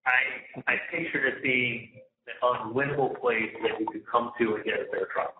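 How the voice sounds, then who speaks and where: An inmate calls his mother on a prison phone handset, talking in an agitated, indignant way, repeating himself and swearing. His mid-range voice is steady at a moderate pace, over a tinny, echoey line with background noise.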